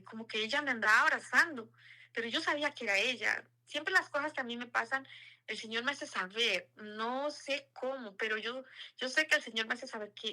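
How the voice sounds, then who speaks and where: A woman's voice: fairly high pitch, bright, forceful tone, low-quality recording. A woman giving an earnest, casual spoken testimony, repeating words for emphasis.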